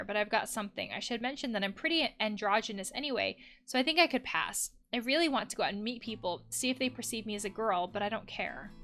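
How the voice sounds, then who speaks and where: With a bright, forceful, fairly high voice, a young adult woman who is a counselor hosts a laid-back let's play. Background music plays as she reads the on-screen text and drops in thoughtful, chatty asides.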